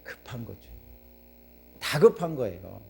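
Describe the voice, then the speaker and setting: A man's voice: medium pitch, sing-song, unhurried, creaky. A man preaching a sermon as pastor, telling the story vividly, asking the congregation questions and acting out the voices of the crowd.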